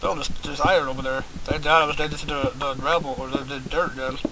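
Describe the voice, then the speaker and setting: A man's voice: mid-range voice, fairly even intonation, quick pace, bright, forceful tone, slight background noise, low-quality recording. A man giving rambling, casual gameplay commentary, swearing often and talking straight to his viewers. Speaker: let's play host.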